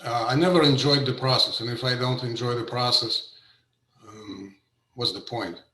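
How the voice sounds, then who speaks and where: A middle-aged man from Russia, a painter giving an informal artist talk over a video call, pausing often with fillers and restarts. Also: mid-range voice, steady tone, bright, forceful tone, echoey room, low-quality recording. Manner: hesitant, many fillers and restarts. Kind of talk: informal presentation.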